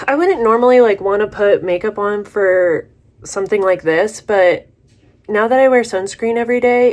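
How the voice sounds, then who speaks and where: A woman's voice: medium pitch, a little mellow. Chatty woman vlogging while doing makeup. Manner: rambling, many "like" fillers, chatty. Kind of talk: casual vlog chat while doing makeup.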